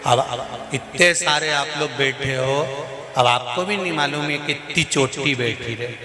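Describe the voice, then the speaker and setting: A man's voice: medium pitch, measured pace, music in the background. A man, preaching a devotional sermon to a large open-air gathering in a folksy, emphatic way, speaking straight to the crowd. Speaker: religious storyteller. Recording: echoey live PA sound with loud crowd.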